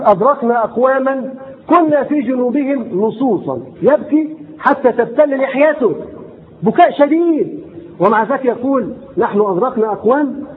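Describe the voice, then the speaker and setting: A man with an Egyptian accent preaching a sermon, reciting classical sayings and then repeating and explaining them in colloquial asides. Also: very high voice. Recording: tinny phone-like recording, faint noise.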